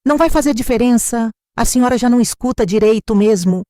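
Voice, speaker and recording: A woman's voice: fairly high pitch, quick pace, mellow, no room sound, studio quality, pitched above the performer's own voice, close to an everyday voice. A woman voicing a curt, impatient adult daughter who brushes off her mother. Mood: dismissive. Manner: dismissive, brusque.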